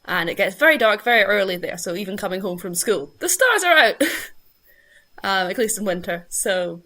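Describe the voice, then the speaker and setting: A woman's voice: mid-range voice, animated, moderate pace, bright, forceful tone. A young woman with a broad Scottish accent tells a personal anecdote casually, acting out her thoughts as she goes. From Scotland. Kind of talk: casual anecdote in a panel chat.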